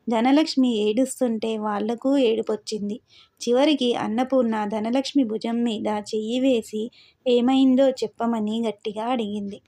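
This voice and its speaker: A woman narrating a novel as an audiobook, reading in a calm, steady way. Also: on the high side.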